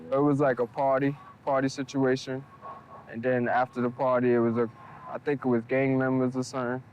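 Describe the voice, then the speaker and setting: A man, telling his story slowly and plainly in a documentary interview. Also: mid-range voice, flat delivery, darkish tone, highs cut off, slight background noise. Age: 20s. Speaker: interviewee, local resident.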